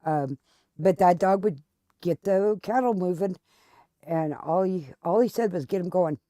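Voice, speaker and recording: A woman's voice: on the low side, measured pace, mellow, no echo, studio quality. A woman hosting a gaming video, chatting casually and candidly in a rambling, storytelling way while she plays. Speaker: gaming channel host. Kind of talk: casual chat while playing a game.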